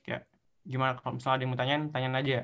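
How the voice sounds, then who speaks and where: A man's voice: medium pitch, monotone, racing, a bit bright. A young man teaching assistant explaining code step by step in an online tutorial. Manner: explains step by step, counting through indexes.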